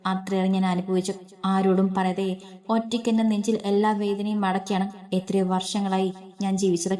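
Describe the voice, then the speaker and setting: A woman voicing a heartbroken young mother who speaks in halting, broken phrases while crying. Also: mid-range voice, dark tone, close to an everyday voice.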